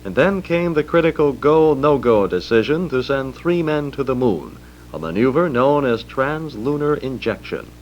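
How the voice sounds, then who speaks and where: An American man narrates a historical documentary in a formal, measured announcing style. His voice is mid-pitched, on a dull vintage record with faint hum. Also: expressive.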